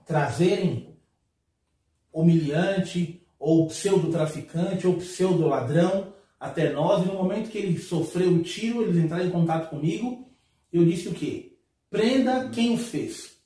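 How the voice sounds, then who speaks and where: Fairly high-voiced guy from brazil going off in a round-table debate, echoey room, sounds a bit far off. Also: measured pace, dark tone. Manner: emphatic, repeats words when building a point. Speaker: podcast panelist. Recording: echoey room, mic at a distance.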